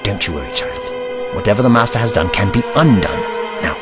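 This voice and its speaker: A man playing a righteous, eccentric scientific hero in an audio drama, speaking gravely and with theatrical emphasis. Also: on the low side, animated, brisk, lightly acted. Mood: reassuring, grave. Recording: dramatic music behind the voice.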